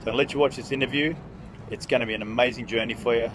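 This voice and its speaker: Outdoors at a conference venue, a man hosts a motivational interview, firing off words rapidly in a steady, medium-pitched voice. He talks energetically and keeps restarting his phrases, with background noise audible.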